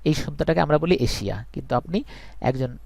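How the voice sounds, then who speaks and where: Man, fairly high voice, earnest live-class English tutor, reassuring. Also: animated, a little fast, gravelly, darkish tone, no echo. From Bangladesh. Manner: earnest, reassuring, repeats points for emphasis. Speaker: English teacher.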